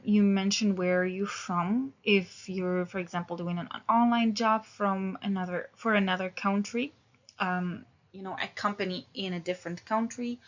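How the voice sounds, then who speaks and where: In a muffled recording, a woman in her thirties teaches English. She speaks at a medium pitch in an easygoing, hesitant way, often using fillers and starting sentences over.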